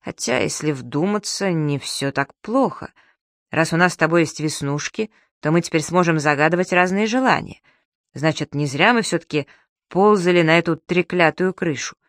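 A narrator voicing a fussy, indignant middle-aged gentleman in an audiobook reading. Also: mid-range voice, normal speed, dry recording, studio quality, close to an everyday voice. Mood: puzzled. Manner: indignant, grumbling.

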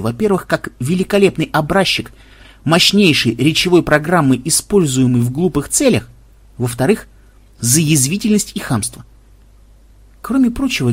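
Husky-voiced man reading a story. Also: a little high. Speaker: audiobook reader. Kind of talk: scripted narration.

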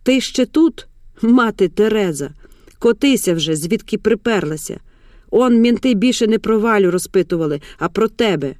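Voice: mid-range voice, expressive, drawn-out words, hardly any pauses, warm tone, no room sound, clean studio sound, distant mic. A reader voicing a hysterical middle-aged mother in an audiobook who screeches accusations at her family. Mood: shrieking.

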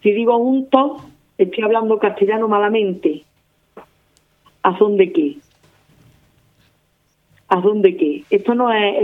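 A woman with an Andalusian accent arguing her point in casual radio talk, laying it out through repeated examples. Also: mid-range voice. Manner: argumentative, explains with repeated examples. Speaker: guest running a language-teaching project. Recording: narrow phone-like sound.

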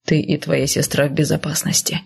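A woman voicing a stern, protective northern warrior man who speaks in a low, hushed growl. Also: little pitch movement, a little fast, creaky, breathy edge, exaggerated voice. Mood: steady.

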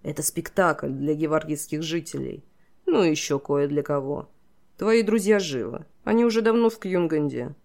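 A woman's voice: low voice, normal speed, gravelly, darkish tone. A woman voicing a theatrical, unhinged king who drawls and mocks playfully, in an audiobook. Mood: mocking.

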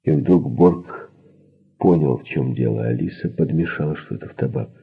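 A man narrating an audiobook thriller with a husky, gravelly voice. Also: rumbling low, normal speed, soft background music. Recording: narrow phone-like sound.

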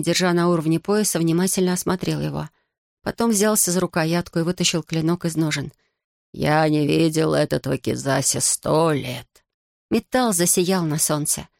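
A woman narrating a first-person audiobook in a steady, measured reading voice. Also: lowish voice, no room sound, clean studio sound.

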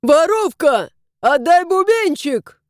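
A woman's voice: extremely high pitch, very animated, takes it slowly, a little mellow, no room sound, clean studio sound, voice pushed up, exaggerated voice. A woman voicing a polite, anxious male stork messenger who talks in fussy exclamations, for a fairy-tale audiobook. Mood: shrill alarm.

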